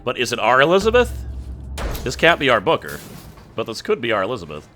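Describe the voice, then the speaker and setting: A man's voice: medium pitch, wildly swooping pitch, fast, bright, forceful tone, slight background noise. A man musing aloud over gameplay in a chatty, casual way, with laughing asides. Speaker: gameplay host.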